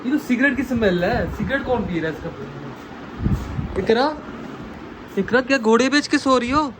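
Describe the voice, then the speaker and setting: High-voiced scolding man, noisy recording. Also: expressive, normal speed. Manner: accusing, demanding, scolding. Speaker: vlogger, husband in a prank. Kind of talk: prank vlog confrontation. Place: home bedroom, indoors.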